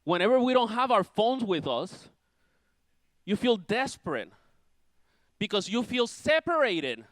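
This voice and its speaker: A man preaching a sermon with dramatic swings from loud declarations down to near-whispers. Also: sits high, dry recording.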